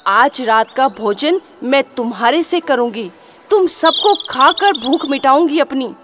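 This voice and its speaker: A woman voicing a fierce female witch from the forest who shouts threats of eating people, over background music. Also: high-pitched, lively intonation, unhurried. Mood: menacing.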